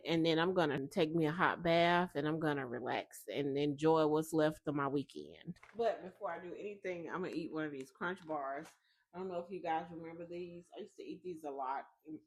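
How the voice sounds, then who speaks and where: A young adult woman with a Southern American accent, chatting casually and rambling through a home vlog. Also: low voice. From Southern United States. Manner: chatty, rambling, relaxed asides. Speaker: vlogger.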